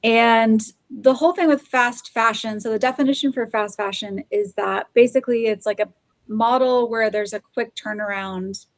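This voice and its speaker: A woman's voice: a little high, normal speed, dry recording. A woman co-hosting a casual podcast chat, talking in loose, rambling sentences full of fillers. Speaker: podcast co-host. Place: Oklahoma, US.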